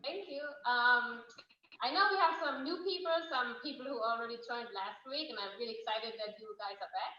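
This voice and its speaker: A woman's voice: fairly high pitch, brisk, sharp tone. A German woman hosting an online cooking class, talking chattily and eagerly with many fillers, with a German accent, heard over a distant laptop mic in her kitchen. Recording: echoey, distant, muffled video call audio.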